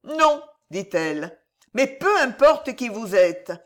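An audiobook reader voicing a mad old bohemian woman who cries out in shrill, raving tones. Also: big pitch swings, takes it slowly. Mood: haunted, musing. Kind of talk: audiobook character voice.

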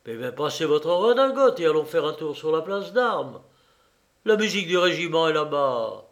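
A man voicing an excitable, boastful fencing master in an audiobook, loud and theatrical. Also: fairly high pitch, moderate pace. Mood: mocking. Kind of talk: audiobook character voice.

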